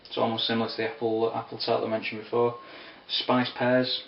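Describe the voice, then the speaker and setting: A man giving a casual spoken whisky review, unhurried and descriptive with wry asides. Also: medium pitch, monotone, vocal fry, slight background noise. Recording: roomy, distant, dull lo-fi sound.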